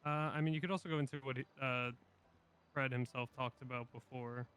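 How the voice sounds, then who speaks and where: Smooth-voiced man as an informal judge. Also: mid-range voice, steady tone, a bit bright. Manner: hesitant, informal, measured, stammering. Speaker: role-player as a judge. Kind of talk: improvised courtroom role-play.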